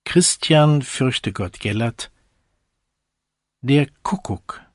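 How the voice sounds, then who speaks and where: A man recites fables and verse in a declamatory style. His delivery is slow and deliberate, and his voice swings widely in pitch. The sound is dry and close. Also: animated, dry recording. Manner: declamatory, dramatic.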